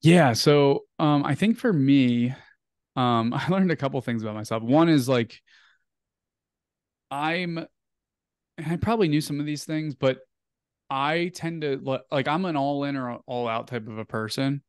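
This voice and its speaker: A man's voice: mid-range voice, unhurried, clean tone, dry recording, clean studio sound. A young man telling a story as an interview guest, casual and rambling, full of "like" and "um". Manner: rambling, filler-heavy, "like" and "um" often.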